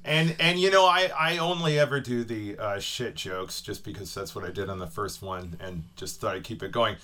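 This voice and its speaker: A man's voice: lowish voice, normal speed, bright, forceful tone. A man co-hosting a podcast with casual comic banter. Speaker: podcast co-host, comedy writer.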